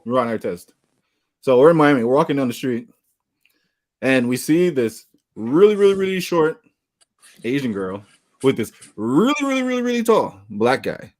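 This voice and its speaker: Laughing man telling animated stories. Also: medium pitch, moderate pace, long pauses. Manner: laughs through his stories, animated retelling. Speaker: podcast co-host. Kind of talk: casual storytelling chat.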